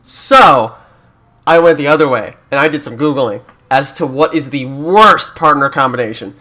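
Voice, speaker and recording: A man's voice: medium pitch, normal speed, sharp tone. Chatty Canadian man gaming. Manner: chatty, joking, reads game prompts aloud and laughs often. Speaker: YouTuber. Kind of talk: casual let's-play commentary.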